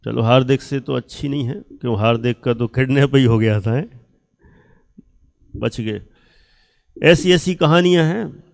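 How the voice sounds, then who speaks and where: Slow, gravelly-voiced male teacher. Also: mid-range voice. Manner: slow, emphatic, asks students questions; acts out quoted speech of others. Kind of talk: classroom lesson to students.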